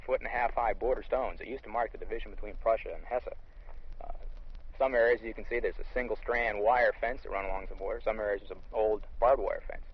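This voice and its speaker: This is a dull, lo-fi vintage field recording of an American army lieutenant being interviewed outdoors. He explains things matter-of-factly in a fairly low voice with a breathy edge.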